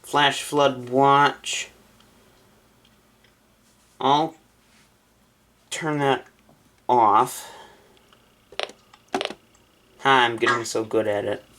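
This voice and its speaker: Here a man unboxes and configures a weather radio, musing out loud as he reads the menu items before deciding. He speaks in a mid-range, fairly bright voice with little pitch movement, drawing out words and leaving long pauses over slight background noise.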